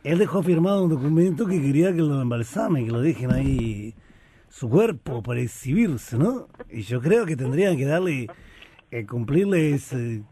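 Brief: deadpan male panelist, warm dark tone, swooping intonation. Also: mid-range voice, moderate pace, slightly rough. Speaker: radio panelist. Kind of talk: comic radio chat.

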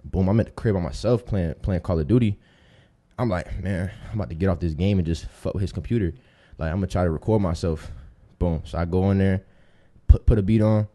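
Brisk and deep with a dark tone, a young man of about twenty-one from Tampa, Florida, spins stories in informal street slang during a casual podcast guest appearance.

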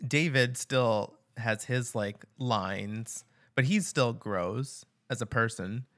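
A man co-hosting a podcast, chatting casually with lots of fillers and restarts. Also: mid-range voice. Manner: relaxed, halting, filler-heavy. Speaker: podcast co-host.

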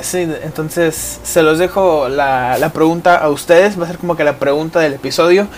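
A young man with a Mexican accent, hosting a solo podcast and telling a story in casual, slangy speech with lively quoted asides. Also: high-pitched, a little hiss or hum. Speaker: podcast host.

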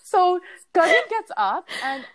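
A young woman co-hosting a podcast, telling a family story in a chatty, animated way, laughing often and full of "like" fillers. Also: extremely high pitch, slow pace. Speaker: podcast co-host. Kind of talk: casual storytelling chat.

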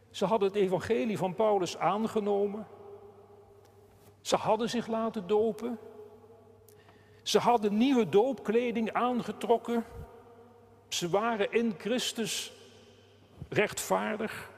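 A preacher with a fairly high, gravelly voice delivers his sermon at a slow, weighty pace. His words ring out into the long reverb of a church hall. He takes long pauses and presses hard on key words. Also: a little mellow.

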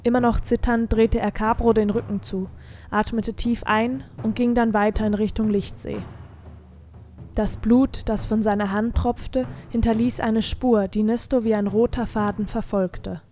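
A woman reading a fantasy audiobook in steady, scripted narration. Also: a little high, unhurried, faint music behind.

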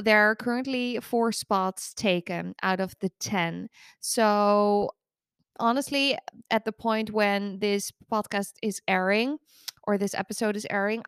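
Flu-congested and in her thirties, an eating disorder recovery coach rambles candidly through her own podcast, often laughing at herself. She speaks in a mid-range voice with vocal fry, captured with a clean, echo-free studio sound.

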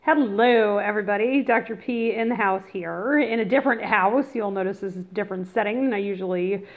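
A woman's voice: medium pitch, brisk. A woman hosting a casual educational podcast in a chatty, informal way, addressing listeners directly, recorded through headphones used as a mic. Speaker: podcast host. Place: room in a rental house. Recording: thin phone-like sound from headphone mic.

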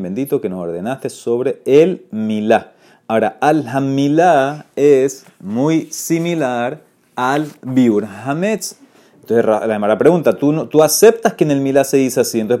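A man's voice: mid-range voice, mellow. A man teaching a Talmud page, reading the Aramaic text and explaining it in plain words, with fillers and self-corrections.

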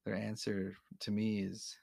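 A man's voice: on the low side, monotone, a little slow, vocal fry, dark tone, dry recording, clean studio sound. A man who is a podcast guest, talking casually and candidly with lots of fillers and restarts. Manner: hesitant, many fillers and restarts; candid, opinionated. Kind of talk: casual interview conversation.

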